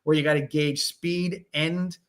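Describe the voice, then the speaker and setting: A man's voice: fairly high pitch, fairly even intonation, unhurried. A man co-hosting a casual sports talk show, speaking bluntly and emphatically, with frequent restarts as he builds an argument over a podcast microphone. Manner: emphatic, blunt, mimics golfers in quoted asides. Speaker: co-host.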